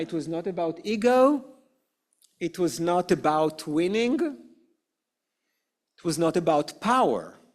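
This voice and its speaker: A man teaching an adult education class in a slow, conversational way, often checking with "okay?" and asking the group questions. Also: on the high side. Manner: frequent "okay?" and "right?" checks, many "uh" fillers. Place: synagogue classroom.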